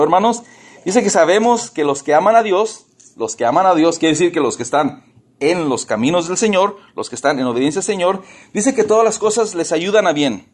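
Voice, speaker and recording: A man's voice: fairly high pitch, breathy edge. A man preaching a conversational sermon as pastor. He addresses the congregation directly, asks rhetorical questions and acts out the voices of complaining people.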